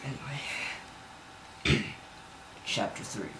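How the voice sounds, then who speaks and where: A man giving a comic dramatic reading of fan fiction in his bedroom, rambling and self-conscious, often stumbling over words, on a camera mic. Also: slow. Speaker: amateur reader. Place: bedroom at home. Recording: echoey room with background noise.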